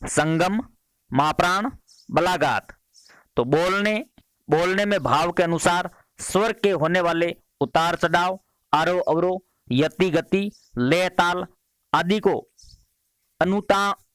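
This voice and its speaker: Brisk male Hindi exam-prep teacher. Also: high-pitched, a bit bright, no room sound. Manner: reads each question and its options, then repeats the question and gives the answer; brisk, repeated "next question" transitions. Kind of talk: quiz-style Hindi grammar lesson.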